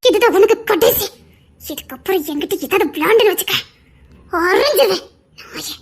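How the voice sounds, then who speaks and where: A woman voicing young village women in an animated Tamil love story, talking in a quick, sharp way. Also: very high voice. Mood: angry. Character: young village women, the heroine and her friend.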